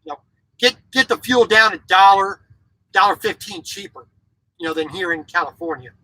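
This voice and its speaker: A man in his forties, a truck driver vlogging from the small sleeper cab of his rig, talks bluntly and opinionatedly in a casual monologue, repeating words and restarting often. He grew up in Japan as a military child. His high voice swoops wildly in pitch at a normal pace, with vocal fry and a sharp tone, on a low-quality recording with no echo.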